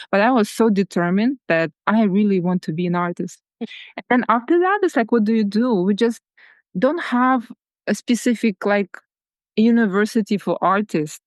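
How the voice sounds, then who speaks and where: A woman from Ukraine with a Ukrainian accent, speaking reflectively as a guest in a podcast interview, often repeating words and laughing softly. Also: mid-range voice, no room sound, clean studio sound. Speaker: guest artist.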